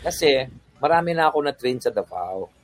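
A man's voice: medium pitch, normal speed. A man, a photographer guest, chatting casually and telling stories from his work, switching freely into English. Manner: relaxed storytelling, mixing English in. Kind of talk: casual podcast chat.

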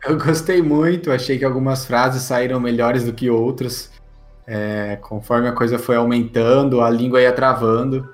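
A man whose first language is Portuguese reflects on his lesson in an easygoing, medium-pitched voice. Faint music plays behind him. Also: little pitch movement, normal speed. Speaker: language student. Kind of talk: casual chat.

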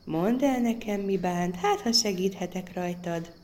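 A woman's voice: mid-range voice, warm tone, close to an everyday voice. A woman voicing a sweet little frog bride. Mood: coaxing.

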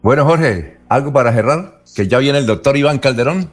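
Male radio show director, brisk segment-wrapping host. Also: mid-range voice, animated. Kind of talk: hosting a radio talk show.

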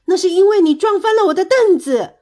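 A woman doing a shrill little scolding rabbit. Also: expressive, unhurried, mellow. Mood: indignant. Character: small excitable rabbit, quick to scold.

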